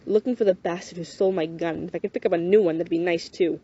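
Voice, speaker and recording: A woman playing a gruff, curt young wanderer. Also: fairly low pitch, fairly even intonation, quick pace, warm tone. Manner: curt, clipped and swearing. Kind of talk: amateur audio drama. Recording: dull lo-fi home recording.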